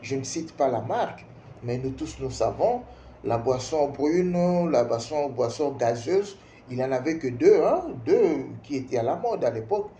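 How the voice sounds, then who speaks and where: Medium-pitched and dark-toned, with lively intonation and normal speed, this Kinshasa man in his fifties speaks to parents in a Congolese accent. His opinion piece is emphatic, with repeated words and rhetorical questions, recorded with roomy echo and faint noise.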